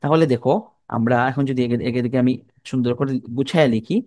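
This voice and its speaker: A man's voice: medium pitch, quick pace, a little mellow, no room sound. Bangladeshi man teaching chemistry, dry sound. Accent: Bangladeshi Bengali. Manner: informal, asks students questions and answers them himself; repeats terms, colloquial speech. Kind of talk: classroom lecture to students.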